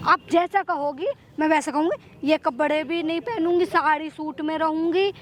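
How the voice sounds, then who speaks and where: A woman plays a greedy, bullying young daughter-in-law in a staged street skit. She scolds in a very high voice, hammering the same threats and commands over and over. Faint noise of the open air by a river. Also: steady tone, moderate pace, close to an everyday voice. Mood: wheedling. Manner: scolding, threatening, repeating orders. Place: outdoors by a river.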